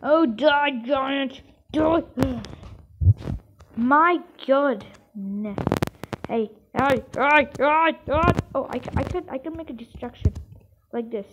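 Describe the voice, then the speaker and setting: A woman with a fairly high voice gives rambling, excitable let's-play commentary while playing a co-op game. She jumps from cheering to playful trash talk aimed at her teammate. Faint background noise sits under her voice. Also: slow, long pauses, highs cut off. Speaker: gamer playing co-op.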